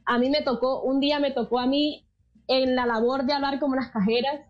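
A woman with a Colombian Caribbean coastal accent, a guest telling a funny story in a chat, animated and quick to laugh. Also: high-pitched, highs cut off, crowd noise. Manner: animated, laughing often, colloquial.

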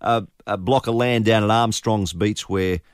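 A man's voice: lowish voice, measured pace, clean tone. A man from Queensland with a Queensland Australian accent, hosting a breakfast radio interview in a matey, slangy, casual way.

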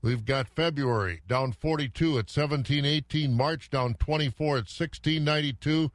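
A man's voice: a little high, moderate pace, dry recording, studio quality. A folksy man hosting a morning farm radio show, reading out weather and market figures. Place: dry radio studio.

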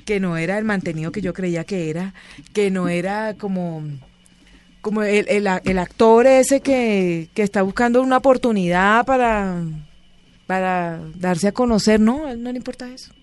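A woman's voice: mid-range voice, moderate pace. A woman, a guest telling stories in a casual interview and acting out the voices of the people she quotes. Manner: animated, acts out quoted voices.

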